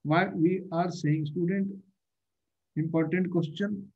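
A man's voice: high voice, fairly even intonation, slow, darkish tone. A man with a North Indian accent teaching an online lesson, repeating himself and often putting questions to the learner. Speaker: chemistry teacher. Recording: dull, muffled online-class audio.

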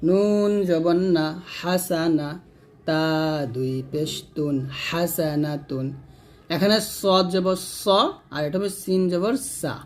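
A man teaching Quran reading, spelling out each letter and vowel mark slowly, then joining them and pointing out common mistakes. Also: fairly high pitch. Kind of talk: slow syllable-by-syllable spelling lesson.

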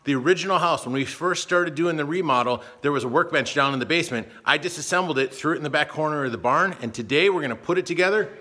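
Sweaty guy in his 30s talking to his camera in a metal barn, bright punchy voice, chatty and self-deprecating. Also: on the high side, fast, few pauses. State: hot and sweaty. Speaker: homestead vlogger. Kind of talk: casual DIY vlog. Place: large metal barn, indoors. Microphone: camera at arm's length.

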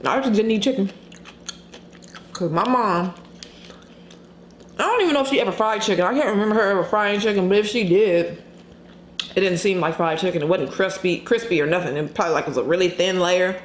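Chatty woman eating on camera, echoey room. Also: mid-range voice. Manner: chatty and candid, pausing to chew and hum over food. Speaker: mukbang vlogger. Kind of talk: casual mukbang chat while eating. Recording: echoey room, faint background noise.

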